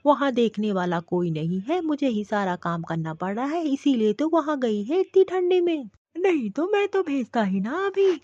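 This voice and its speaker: Woman doing a cartoon son-in-law, concerned, lively pitch, mellow, dry lo-fi sound. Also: normal speed, dry recording. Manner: concerned, explaining. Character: worried son-in-law on the phone, earnest man. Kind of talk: cartoon voice acting.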